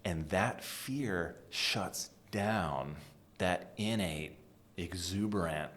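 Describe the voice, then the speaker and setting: A middle-aged American man from New England, a design executive giving an animated interview and dropping to a whisper for emphasis. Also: sits low, extremely slow. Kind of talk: conversational interview.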